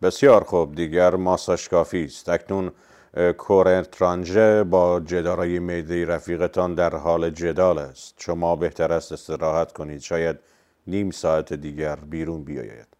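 A man narrating a novel and voicing its characters in a calm, measured reading. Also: deep voice. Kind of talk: audiobook reading with character voices.

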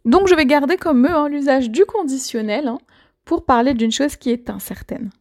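A woman with a high voice teaches an idiom to learners. She talks slowly and clearly, with patient explanations and many small fillers. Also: a little mellow. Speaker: French teacher.

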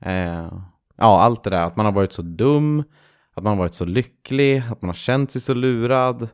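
A man's voice: lowish voice, lively intonation, clear, resonant tone. A man co-hosting a casual music podcast, talking in a hesitant, searching way with many fillers and restarts. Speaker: podcast co-host.

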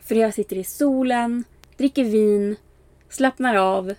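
A young woman recounts a story in a casual, chatty flow, peppered with fillers and self-mocking laughs. Her voice sits a little high, and the recording is close and dry. She acts out quoted exchanges, lifting her voice for each line. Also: no room sound. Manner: animated, acts out quoted exchanges with bright raised voice; frequent filler "bara" and "liksom", laughs at herself.

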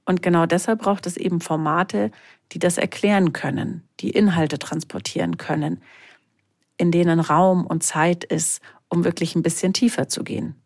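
A podcast co-host explaining a topic in a measured, slightly formal way. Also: mid-range voice, steady tone.

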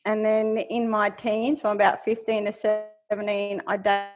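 A woman's voice: mid-range voice, flat delivery, a little slow, lo-fi sound, faint music behind. A woman with a Queensland Australian accent chatting casually as a podcast guest.

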